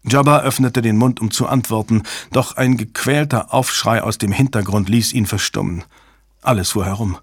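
A man reading a thriller audiobook as narrator, in a measured, dramatic style. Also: lowish voice, no room sound. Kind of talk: scripted narration.

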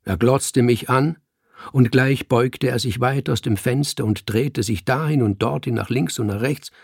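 A man narrating a storybook in the first person, calm and measured. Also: mid-range voice, gravelly, breathy edge, no echo, clean studio sound. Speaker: audiobook narrator.

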